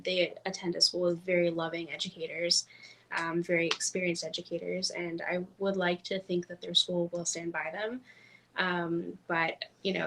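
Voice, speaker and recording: Low, gravelly woman chatting earnestly. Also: fairly bright tone, a little hiss or hum, poor audio. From lives in Florida. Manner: earnest, measured, thoughtful. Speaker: channel co-host. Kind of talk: casual livestream chat.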